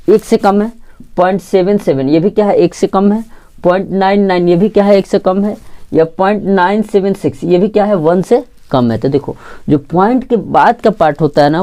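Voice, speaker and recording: In this online exam-prep math lesson, the teacher, a woman, speaks in a low and mellow voice. Asking the class questions that she then answers herself, she goes over key points repeatedly and keeps saying "theek" to check in.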